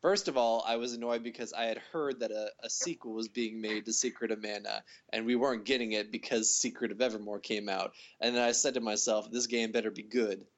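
A man's voice: lowish voice, steady tone, fairly quick, few pauses. A man in his mid-twenties, chatting as a podcast co-host, often restarting his sentences and laughing. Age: 20s. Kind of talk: casual chat. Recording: dull lo-fi recording.

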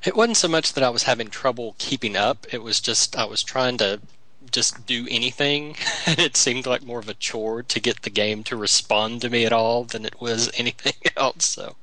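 A man with a bright, mid-pitched voice chats on a games panel. He complains casually and self-deprecatingly, recorded very dry. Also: normal speed, dry recording, poor audio. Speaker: panelist on a video game discussion. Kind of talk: casual chat.

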